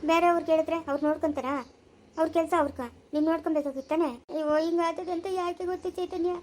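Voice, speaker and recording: A gentle village mother reassures her child in a rural Chikkaballapura accent, voiced by a woman. Her voice is very high and she talks quickly. It is amateur family-drama acting. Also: steady tone, a little hiss or hum. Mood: consoling. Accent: rural Chikkaballapura Kannada. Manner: soft, consoling, motherly.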